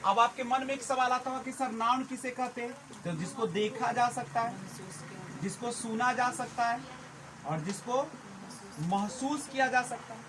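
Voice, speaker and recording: Male English teacher, unhurried drawn-out classroom delivery, faint noise behind. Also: very high-pitched. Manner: quizzes the class, slow and drawn out. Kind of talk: classroom lecture. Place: classroom with students.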